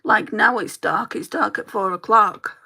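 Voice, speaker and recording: Answering comments while she does her makeup, a Lancashire beauty streamer chats casually in her regional accent. Her medium-pitched voice is gravelly and sharp, and she speaks a little slowly.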